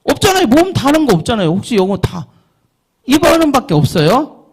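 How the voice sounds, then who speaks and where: A man's voice: extremely high pitch, big pitch swings, a little fast, breathy edge. A middle-aged man lecturing an audience on learning English. He asks the listeners questions, answers them himself, and drills vowel sounds aloud.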